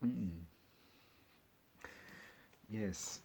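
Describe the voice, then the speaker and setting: Slow, wry man. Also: warm tone. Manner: wry, jokey asides. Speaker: record collector vlogger. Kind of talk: casual chat while unboxing records.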